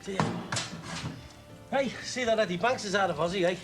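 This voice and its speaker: A man's voice: high voice, normal speed, over loud music, close to an everyday voice. An actor playing a cheerful, cocky working-class man with a Liverpool accent, full of jokey banter. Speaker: best man. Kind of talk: TV soap acting.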